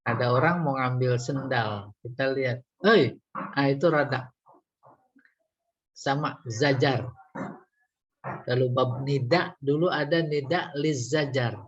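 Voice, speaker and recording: A man lectures slowly with a husky grain, his carrying a lilt. He teaches Quran commentary in a teasing, animated way while working through Arabic grammar terms. The recording sounds dull and lo-fi. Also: medium pitch. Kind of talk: religious study lecture.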